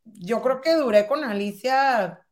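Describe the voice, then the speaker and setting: Woman, 30s, slightly high voice, lively storyteller. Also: slow pace. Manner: lively, acts out past dialogue. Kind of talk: personal storytelling in conversation.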